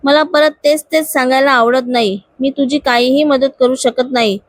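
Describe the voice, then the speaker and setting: A woman's voice: sits high, fairly even intonation, moderate pace, natural voice. A woman voicing a short-tempered male boss who snaps and speaks curtly. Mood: irritated. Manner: curt, irritated.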